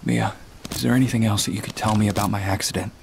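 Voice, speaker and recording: A man's voice: on the low side, steady tone, quick pace, creaky, a little hiss or hum. An actor voicing a confused man stranded in the jungle in a video game, talking urgently with someone over a radio. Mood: troubled. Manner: shaken, urgent, searching.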